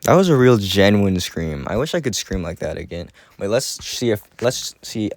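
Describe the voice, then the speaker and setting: A young man in casual commentary, rambling and self-mocking with quick asides as he reacts to his own old video at home. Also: fairly low pitch, very animated, no room sound. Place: room at home.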